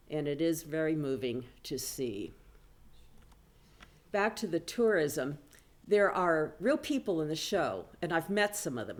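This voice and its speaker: A woman, a business professor, giving a chatty conference presentation with slides and self-deprecating asides. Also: low-pitched. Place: conference room.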